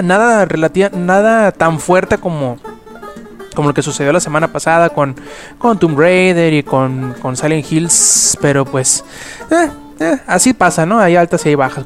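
A Mexican man hosts a relaxed podcast. His voice sits a little high, and his talk is informal and full of slang. Music plays softly behind him. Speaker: podcast host. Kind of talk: casual chat over background music. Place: remote voice call podcast. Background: background music.

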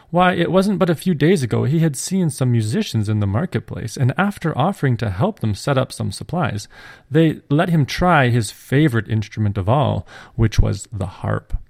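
A man hosting and gently reading a scripted story aloud at a measured pace. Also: mid-range voice, creaky, dry recording, clean studio sound. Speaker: storyteller and podcast host.

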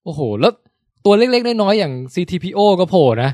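A man co-hosting a casual review chat, animated, leading the discussion and laughing often. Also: sits high, brisk, dry recording, studio quality. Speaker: podcast co-host reviewing a film.

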